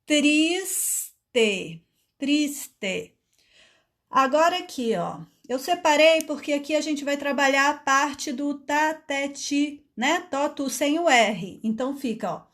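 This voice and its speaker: A woman's voice: high-pitched, a little slow, few pauses, fairly bright tone. A woman teaching adults to read, patiently drawing out syllables one at a time in a phonics lesson.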